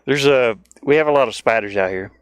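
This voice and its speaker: A streamer and indie game developer chats casually on a livestream while working inside a van, rambling playfully and getting easily sidetracked. His mid-range voice is smooth and a little fast, with no room sound.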